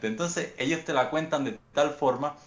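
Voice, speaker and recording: A young Cuban man with a Cuban accent, answering interview questions in a thoughtful, unhurried storytelling way, often restarting his phrases. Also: a little high, roomy sound. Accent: Cuban Spanish. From Cuba. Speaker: guest author.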